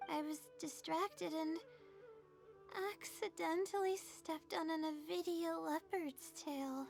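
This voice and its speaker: Layla, a timid sleepy scholar. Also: female voice, high-pitched, vocal fry. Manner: hesitant, rambling, apologetic. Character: shy, sleepy young woman scholar. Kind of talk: video game character dialogue.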